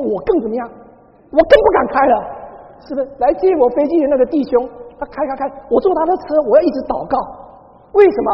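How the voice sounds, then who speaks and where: A woman pastor from Taiwan delivers a sermon, telling stories and asking the congregation to answer back. Her pitch rises and falls with a lot of life. The sound is dull and carries a long echo from a large hall. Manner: lively storytelling with call-and-response to the congregation. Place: church hall.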